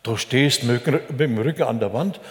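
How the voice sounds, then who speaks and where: An older man preaches in a relaxed, folksy manner, keeping his listeners close with little asides and tag questions. His voice sits at a medium pitch. It carries through a roomy hall with a long, lingering reverb. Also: moderate pace. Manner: chatty, folksy, frequent "ne?" asides. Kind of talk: sermon.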